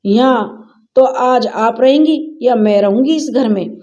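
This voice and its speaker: A woman's voice: on the high side, slow pace, mellow. A woman voicing a haughty spoiled bride. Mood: whiny. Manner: sneering, whiny. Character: spoiled young city wife, haughty.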